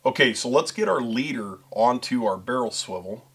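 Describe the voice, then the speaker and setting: A middle-aged fishing pro staffer and show co-host gives a step-by-step how-to demonstration on a small studio set with a backdrop, addressing viewers directly as "folks" and "guys." His medium-pitched voice is animated, fairly bright and slightly rough, at a moderate pace.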